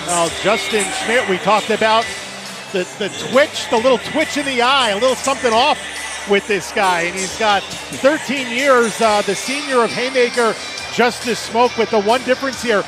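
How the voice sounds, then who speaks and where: A man calling a fight play-by-play in a raised, excited, shouting voice. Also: very high-pitched, moderate pace, over music, a crowd in the background. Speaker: play-by-play commentator.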